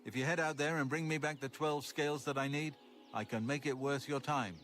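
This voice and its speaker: An actor playing a gruff, rueful old fisherman in a video game, grumbling and plaintive in a folksy storytelling way. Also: a little high, steady tone, a little fast, a bit bright, faint music behind, lightly acted. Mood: plaintive, persuading. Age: older. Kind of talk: video game character dialogue.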